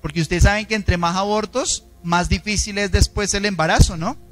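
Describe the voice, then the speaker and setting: Colombian pastor, male, high voice, dramatic emphatic preaching, asks congregation questions, faint music underneath. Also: fairly even intonation, moderate pace, fairly bright tone. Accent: Colombian Spanish. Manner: dramatic, emphatic delivery with shifting pitch. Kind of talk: sermon. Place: church.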